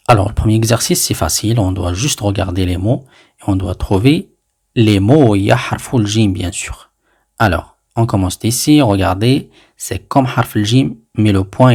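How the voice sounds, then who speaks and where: A man teaching an Arabic letter lesson in French, slowly and patiently repeating each sound for learners. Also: on the low side, gravelly, a little mellow.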